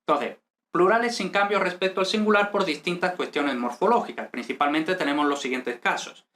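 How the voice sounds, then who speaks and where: A man's voice: high-pitched, brisk, fairly bright tone. A man teaching an Italian grammar class in Spanish, explaining step by step and checking in often with his students. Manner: patient, repeats "¿vale?" to check understanding. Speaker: language teacher.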